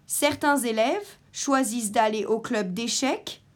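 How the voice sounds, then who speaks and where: A woman reading a scripted text slowly and carefully in short phrases, as a model for learners. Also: on the high side. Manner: careful, evenly paced delivery in short phrases.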